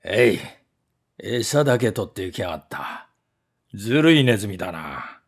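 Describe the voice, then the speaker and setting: A man voicing a gruff, suspicious male servant who grumbles in a lower, rougher voice. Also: very animated, moderate pace, full character voice. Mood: grumbling.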